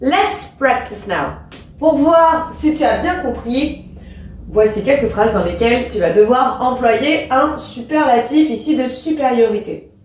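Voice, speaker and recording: A woman with a French accent teaches grammar slowly and patiently, walking through each point step by step. Her voice sits a little high. It is recorded from some distance in a very echoey room. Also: lively intonation, darkish tone, a little hiss or hum. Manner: clear, patient step-by-step explaining. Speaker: English teacher. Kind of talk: explaining a grammar lesson.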